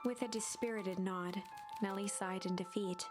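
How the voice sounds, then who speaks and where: A woman playing a storybook game narrator, delivering scripted literary narration in an expressive, deliberate way. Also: medium pitch, natural voice. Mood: storytelling. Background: background music.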